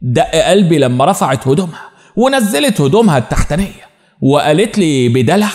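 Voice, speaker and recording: A man's voice: a little high, very animated, a little fast, darkish tone. A man with an Egyptian accent narrating a dramatic story in the first person. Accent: Egyptian Arabic. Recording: long reverb.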